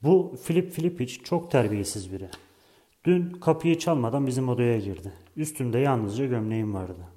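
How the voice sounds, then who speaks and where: A man voicing an excitable little girl who exclaims at a children's bingo game in a storybook reading. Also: medium pitch, normal speed, lightly acted. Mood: excited.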